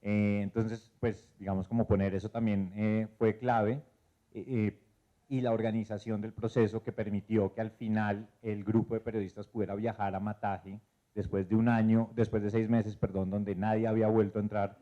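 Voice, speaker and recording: A man speaking on a panel, measured and hesitant with many fillers. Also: lowish voice, little pitch movement. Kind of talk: panel discussion. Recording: dull lo-fi event recording.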